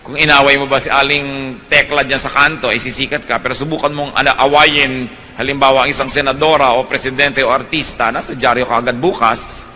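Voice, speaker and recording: Filipino male pastor, piercing bright tone, sermon in a reverberant hall, faint hiss. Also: mid-range voice, fairly even intonation, a little fast. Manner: switches between Tagalog and English, rising to emphatic peaks.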